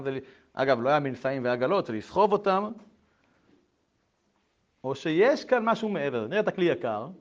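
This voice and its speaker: A middle-aged man gives a Torah lesson, and his voice sits a little high. He talks in a lively way, reads old texts aloud and tells stories from his own life. The recording sounds dull and lo-fi. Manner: animated, shifts between reading texts and telling anecdotes. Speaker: Torah lecturer.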